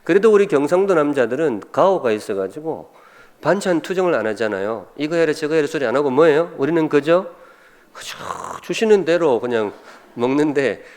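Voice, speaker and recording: Joking Gyeongsang-accented pastor. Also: male voice, fairly high pitch, expressive, brisk, a little mellow. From Gyeongsan, South Korea. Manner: humorous, asks the congregation questions. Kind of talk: sermon.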